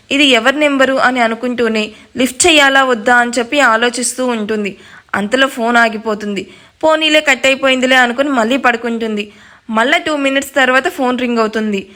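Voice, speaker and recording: Female storyteller, high bright voice, steady scripted narration.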